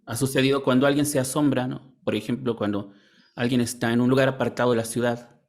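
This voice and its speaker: A man's voice: mid-range voice, level tone, fast talker. A man who is an artist, speaking reflectively in casual conversation, often ending with a tag question. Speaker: discussion participant, artist.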